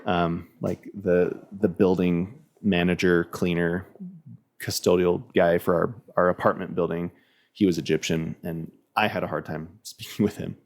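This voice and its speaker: Low, gravelly-voiced man chatting on a podcast. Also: little pitch movement, measured pace. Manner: rambling, many restarts and "like" fillers. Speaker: podcast guest. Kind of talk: casual podcast chat.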